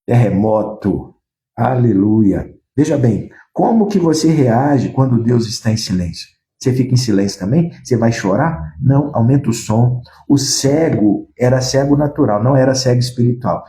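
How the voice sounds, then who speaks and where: A man's voice: mid-range voice, animated, normal speed, mellow, reverberant. A man preaching an emphatic sermon, calling out to his listeners as brothers and acting out the words of people in his stories. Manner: emphatic, addresses listeners as brothers, acts out quotes. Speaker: pastor.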